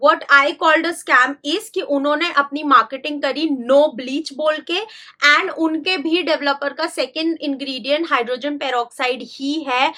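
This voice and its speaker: Bright high-voiced woman vlogging. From India. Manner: chatty, mixes Hindi and English freely. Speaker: beauty vlogger. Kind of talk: casual talk to camera.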